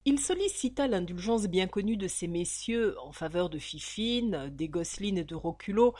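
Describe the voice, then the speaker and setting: Woman narrator, audiobook, expressive lively reading, middle pitch. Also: dry recording, clean studio sound. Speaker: audiobook reader.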